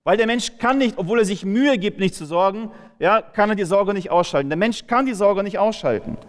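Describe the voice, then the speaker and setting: A man's voice: high-pitched, animated, fairly quick, in a large hall. A man preaching a sermon in a casual, conversational way, asking his listeners rhetorical questions.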